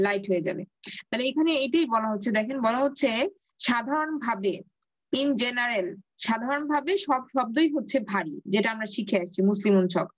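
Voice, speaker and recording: A woman's voice: high-pitched, no room sound, dull audio. A woman teacher with a Bangladeshi Bengali accent giving an online grammar lesson, patiently repeating key words and answering her own questions. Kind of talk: online class lecture.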